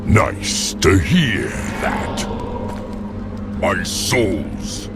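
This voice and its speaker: Very deep, gravelly Grim Reaper. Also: male voice, sing-song, heavily acted. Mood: sinister, mocking. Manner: slow, imperious, threatening. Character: the Grim Reaper, menacing, commanding male lord of death. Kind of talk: video game cutscene acting. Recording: voice under loud game music.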